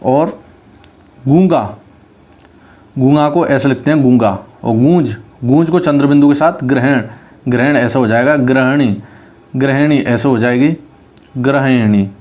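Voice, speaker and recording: A male teacher with a mid-pitched voice. He runs an online exam-prep class on spelling. He says each word and then explains how it is correctly written. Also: measured pace, pauses often, a little mellow.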